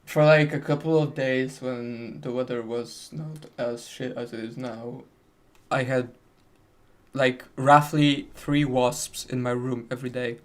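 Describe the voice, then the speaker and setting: Relaxed male podcast co-host with an average-pitched voice, loose and halting delivery. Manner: laid-back, swears, halting restarts. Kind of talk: casual chat over voice call. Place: his room at home.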